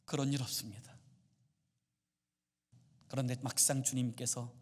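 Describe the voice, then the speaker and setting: A male pastor delivering a sermon dramatically, swinging from loud exclamations to hushed murmurs. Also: medium pitch.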